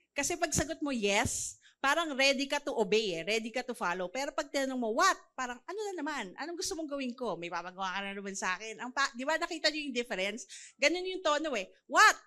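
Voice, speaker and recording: A woman's voice: fairly high pitch, a bit bright. A woman with a Filipino accent preaching a Bible sermon, mixing Tagalog and English and pressing her points with rhetorical questions.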